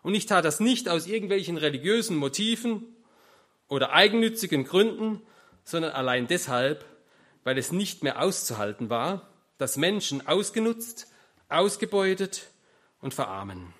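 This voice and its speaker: A man's voice: on the high side, very animated, normal speed, a bit bright, voice pushed up. A man voicing an older male economics professor who politely and earnestly protests.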